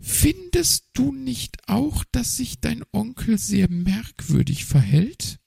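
Guy doing a fussy magpie lady, high shrill voice, slow and husky. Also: wildly swooping pitch, a little mellow, no room sound, exaggerated voice. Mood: chatty. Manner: shrill, prim, exasperated. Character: fussy female magpie, prim and easily ruffled. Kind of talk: audiobook character voice.

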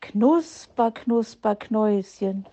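A woman voicing a small, excitable bird chick who chants fairy-tale rhymes, in a storybook reading. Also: mid-range voice, slow. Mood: singsong. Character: little chirpy bird boy, fairy-tale mad.

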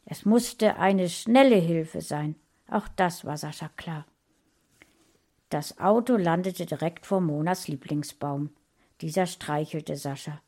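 A woman reading a fantasy story aloud in an even storytelling manner. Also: sits low, takes it slowly. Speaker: audiobook reader.

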